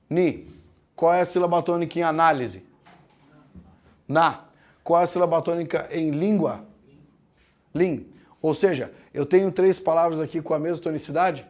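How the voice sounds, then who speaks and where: A man teaching a grammar lesson, explaining step by step, asking the class questions, and slowing down to break words into syllables. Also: a little high, darkish tone. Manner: slows down to spell out words syllable by syllable. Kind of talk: classroom lecture.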